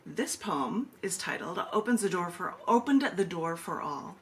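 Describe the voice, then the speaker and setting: Hosting an open mic and poetry reading over a video call, a woman who is also a poet chats casually, wandering into rambling asides. Her voice is on the low side and fairly bright, animated and a little slow, and the call audio is noisy.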